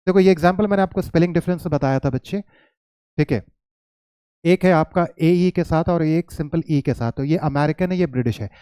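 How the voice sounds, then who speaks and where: An English teacher with an Indian accent, explaining pronunciation to students, mixing Hindi with English and slowly repeating words. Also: male voice, fairly high pitch, mellow, clean tone, dry recording. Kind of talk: classroom lesson explanation.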